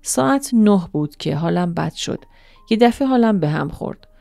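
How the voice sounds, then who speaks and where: A woman narrating a first-person story in a soft, emotional, intimate way. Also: on the low side, expressive, vocal fry, dry recording. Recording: dry studio voice-over with soft music.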